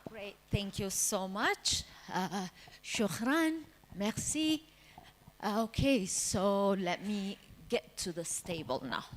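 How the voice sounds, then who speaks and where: Woman, forum moderator, short prompts, lively pitch, slow pace. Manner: brief, relaxed prompts between speakers. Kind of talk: conference introductions.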